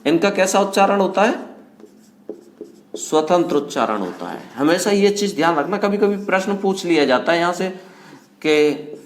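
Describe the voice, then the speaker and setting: A man with a high voice gives a grammar lesson in an echoey classroom. He keeps asking his students questions and answering them himself, calling them "beta". He draws vowels out slowly to show their length. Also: animated. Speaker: Hindi grammar teacher. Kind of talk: classroom lecture.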